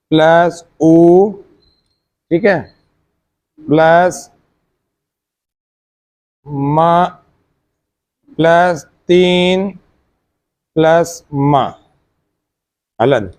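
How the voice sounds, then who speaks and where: A man with a fairly high voice teaches a meditation class. He goes through each point step by step and keeps checking that his students have understood before moving on. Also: a little mellow.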